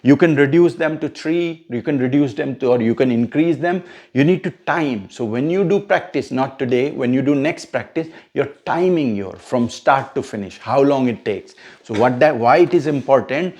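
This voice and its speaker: A man's voice: medium pitch, moderate pace, darkish tone. A man teaching a hosting practice class step by step, often checking whether his listeners follow. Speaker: MC trainer. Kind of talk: instructional coaching session.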